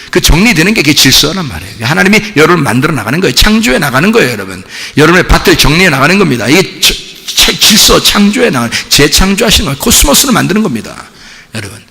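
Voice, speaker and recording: A man preaching a sermon as pastor, emphatic and animated, repeating his exhortations to the congregation. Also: a little high, creaky, in a large hall. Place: church sanctuary.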